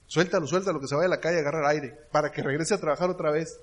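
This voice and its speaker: High-voiced Mexican man giving a seminar. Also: steady tone, very fast. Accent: Mexican Spanish. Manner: storytelling that keeps checking in with the audience. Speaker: business leadership speaker. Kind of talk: motivational seminar talk.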